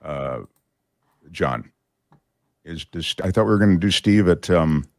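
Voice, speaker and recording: Lively low-voiced male talk host. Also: measured pace, no room sound. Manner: chatty, digressive, many fillers. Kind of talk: casual political commentary.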